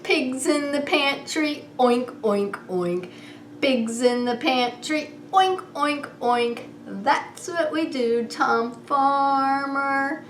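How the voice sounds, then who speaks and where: With a high voice and an extremely slow pace, a woman running preschool story time chats straight to young children, posing simple questions in a cheerful singsong. The recording has an echoey, roomy feel and clear background noise.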